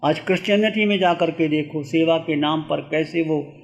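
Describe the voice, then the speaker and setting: A man, a Jain monk, giving a sermon and leading a guided meditation, speaking slowly and deliberately, with emphatic rising phrases and soft, hushed guidance. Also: on the high side, long reverb tail. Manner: soft, hushed delivery when guiding meditation.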